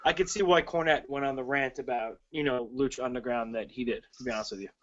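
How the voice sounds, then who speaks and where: A man's voice: mid-range voice, quick pace, a bit bright, lo-fi sound. A man co-hosting a podcast in casual chat, rambling and swearing with frequent restarts. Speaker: podcast co-host.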